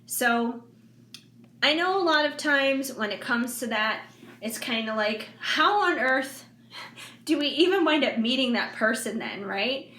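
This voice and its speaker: An intuitive reader and vlogger in her forties talks to her viewers in a casual, heartfelt monologue, her bright, fairly high voice animated but a little slow. She's candid and rambling, full of fillers and soft laughs, and the echoey room leaves a faint hiss of background noise underneath.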